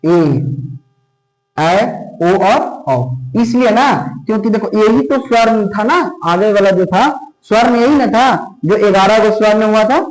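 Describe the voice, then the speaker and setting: A man teaching a grammar lesson for exam students, his voice sitting high for a man. He repeats each term and answers his own questions in a steady drilling rhythm. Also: poor audio. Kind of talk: classroom lesson explanation.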